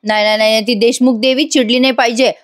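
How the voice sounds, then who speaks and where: A woman's voice: on the high side, fairly even intonation, fast, natural voice. A woman voicing a panicky, fawning man who is fond of drink and pleads in a flustered way, repeating himself, as she retells a TV serial scene. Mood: alarmed.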